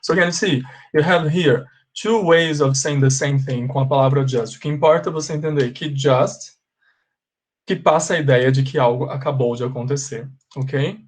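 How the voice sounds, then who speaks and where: A man with a Brazilian accent, teaching a live class as an English teacher. He repeats examples slowly and puts questions to his students. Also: mid-range voice. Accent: Brazilian Portuguese.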